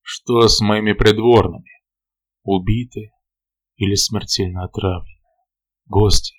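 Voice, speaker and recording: A man reading an audiobook, voicing a cruel, scornful vampire lord who speaks slowly and emphatically. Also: on the low side, fairly even intonation. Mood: menacing. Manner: hoarse, slow and emphatic.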